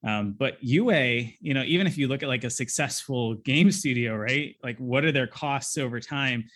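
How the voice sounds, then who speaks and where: A man hosts a podcast interview over a video call from his office. He talks loosely and warmly, with many fillers and restarts. His pitch sits in a middle range. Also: normal speed. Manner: loose, friendly, many fillers like "you know" and "like". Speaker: podcast host. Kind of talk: casual interview hosting.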